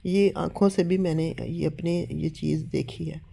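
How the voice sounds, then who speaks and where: Older lady vlogging from home on her phone, sounds weak n unwell, soft mellow tone, keeps going "believe me". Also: sits low, fairly even intonation, gravelly, slightly rough. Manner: earnest, repeats appeals to believe her. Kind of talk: casual storytelling to camera.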